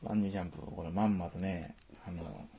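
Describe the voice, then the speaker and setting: A man's voice: low voice, fast, background noise. A man with a Tosa accent chatting casually as a podcast co-host, joking and laughing often, with playfully formal asides. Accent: Tosa (Kochi) Japanese. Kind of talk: casual chat.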